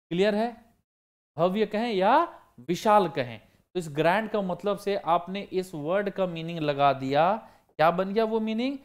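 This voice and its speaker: Man teaching, answering his own questions. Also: high voice. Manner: asks questions and answers them himself, repeating key words. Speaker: exam prep teacher. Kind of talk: online vocabulary lesson.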